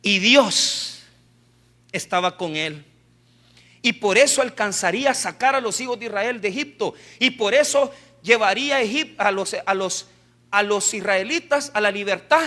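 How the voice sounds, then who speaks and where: A male pastor delivering an impassioned sermon, with a very high, bright voice. He bursts into shouts, then sinks to a quiet, earnest tone. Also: moderate pace. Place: church.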